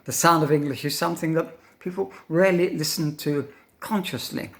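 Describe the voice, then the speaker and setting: An older man giving an informal English lesson, thinking aloud in pauses and often tagging his points with a questioning "no?". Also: on the high side, steady tone, gravelly, fairly bright tone. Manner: thoughtful, pausing, demonstrates intonation aloud; tags questions with "no?". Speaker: English teacher.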